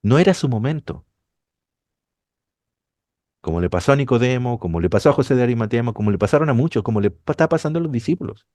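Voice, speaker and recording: A man preaches to a church congregation, walking them through a scripture passage. His voice is mellow and dark, recorded dry and close, and it swings from low explanation to high, emphatic climaxes. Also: expressive, quick pace, long pauses, no room sound. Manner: expository preaching, rising to emphatic peaks. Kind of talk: sermon.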